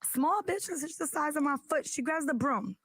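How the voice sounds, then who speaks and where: A woman, co-hosting a podcast and telling a loud, profane story, acting out the people in it. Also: high voice, normal speed, no room sound. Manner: profane, lively storyteller, acts out quoted voices. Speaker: podcast co-host.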